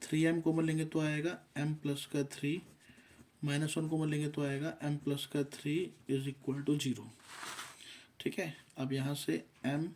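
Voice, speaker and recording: Man, math teacher, methodical, slightly high voice, slow. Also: a little mellow, slight background noise. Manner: slow, methodical, mixes English math terms into Hindi. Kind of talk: step-by-step math lesson.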